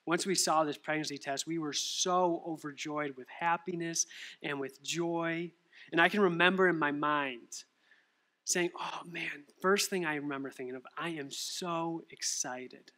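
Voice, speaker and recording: A young man preaches a sermon, his voice bright and forceful, sitting a little higher than most men's. He tells stories and throws rhetorical questions at the congregation with lively energy. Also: moderate pace. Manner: animated storytelling with rhetorical questions. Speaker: pastor.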